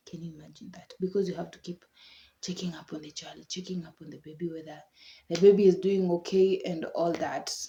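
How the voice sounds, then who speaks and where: Chatty Kenyan woman, dark muffled voice. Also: fairly low pitch. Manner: chatty, laughs often, repeats words for emphasis. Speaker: vlogger. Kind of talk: casual chat. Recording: dull lo-fi recording.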